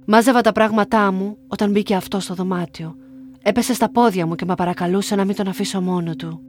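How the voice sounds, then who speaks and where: Calm woman narrating over soft music. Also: mid-range voice. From Greece. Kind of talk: scripted first-person narration. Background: faint music.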